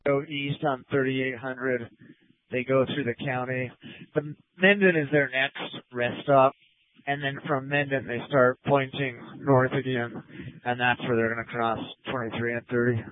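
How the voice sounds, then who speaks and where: A man's voice: medium pitch, a little slow, dry recording. A man speaking over a walkie talkie from the field, steadily relaying route and traffic details. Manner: steady, explanatory relay of directions. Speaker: field unit at a cycling event. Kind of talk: radio traffic. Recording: tinny, dry two-way radio.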